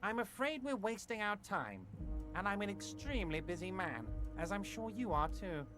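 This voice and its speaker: A high, singsong smooth businessman. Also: lively intonation, moderate pace. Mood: impatient. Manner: soothing, overly reassuring. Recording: game audio with music behind.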